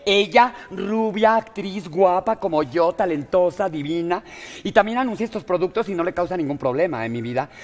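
In a big-sounding room, a woman with a low-leaning, expressive, slightly mellow voice speaks at normal speed. She's a comedy performer with a Mexican Spanish accent playing a vain, dramatic blonde actress in a live sketch, diva-huffing, campy and gushing, calling everyone "mi vida" and throwing in "hello."

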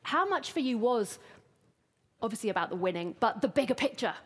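A woman's voice: a little high, sing-song, a little fast, a bit bright, slightly rough. A woman, hosting an event and interviewing a guest on stage. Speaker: host, interviewer. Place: large theatre stage. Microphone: headset.

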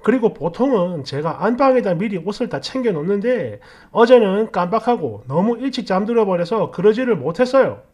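A woman narrating a story read from an online post, in an expressive, complaining storytelling manner. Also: medium pitch, fairly quick, hardly any pauses, slightly rough, highs cut off.

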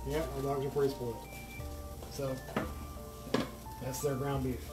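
A man's voice: mid-range voice, level tone, a little slow, rough recording. Guy rambling at the stove, lots of ums, music going under him. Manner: rambling, many fillers and restarts. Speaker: cooking channel host. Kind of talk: casual cooking chat.

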